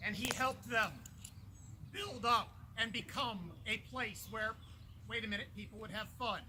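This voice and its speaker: Guy with a really high voice doing a slow formal speech at a reenactment ceremony, noisy outdoor recording. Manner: declamatory, measured with deliberate pauses. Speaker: ceremony speaker, order master.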